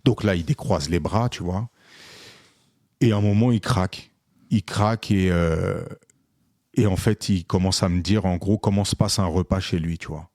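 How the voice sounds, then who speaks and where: A man's voice: deep voice, moderate pace, dry recording, studio quality. A man telling a long story in casual podcast chat, acting out dialogue with lots of fillers. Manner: animated, re-enacts dialogue with many fillers. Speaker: podcast co-host, photographer.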